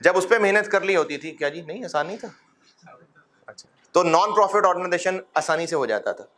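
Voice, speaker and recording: A middle-aged man teaches a room of accounting students in a warm, fatherly, encouraging manner, mixing in rhetorical questions and light humor. His voice is high-pitched and expressive, and he speaks slightly fast.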